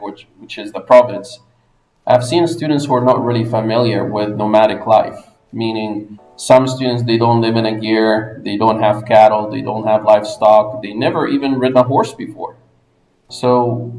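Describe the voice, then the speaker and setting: A man from the United States hosting an interview, asking questions in clear, explanatory steps. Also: fairly low pitch, a little mellow. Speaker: interviewer, English language fellow. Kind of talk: podcast interview. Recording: echoey room, music underneath.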